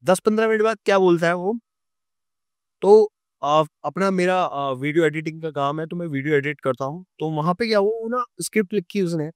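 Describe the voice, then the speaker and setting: A young man with a Delhi Hindi accent telling a true ghost story on a podcast, animated and acting out the scenes. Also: high voice, a little fast, smooth, no room sound, studio quality. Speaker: podcast guest.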